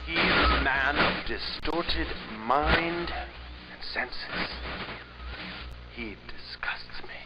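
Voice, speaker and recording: An actor playing a haughty, scheming prisoner in a video game, with hammy, theatrical stage delivery and drawn-out pauses. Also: male voice, fairly high pitch, very noisy. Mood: sneering, imperious. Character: imprisoned haughty scheming brother, sneering and pleading.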